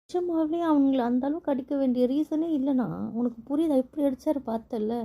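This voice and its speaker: A woman's voice: high voice, fairly quick, warm tone, close to an everyday voice. A woman playing a furious, defiant young wife. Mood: aggrieved. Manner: defiant, repeats her refusals, turns pleading with her brother. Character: hurt, furious young wife refusing her husband. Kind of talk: amateur audio drama.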